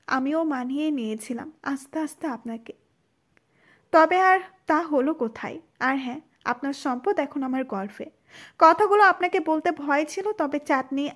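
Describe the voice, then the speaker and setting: A woman's voice: high voice, lightly acted. A woman voicing a young wife reading out her farewell letter, tender, wounded and resigned. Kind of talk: letter read aloud in a story.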